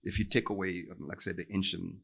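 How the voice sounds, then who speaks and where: A man speaks quickly and at a lowish pitch, his voice gravelly with a husky edge. He tells stories as a podcast guest in a loose, conversational way, checking in with his listener as he goes. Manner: animated storytelling with many "right?" and "you know". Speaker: guest, software engineer. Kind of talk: casual conversation.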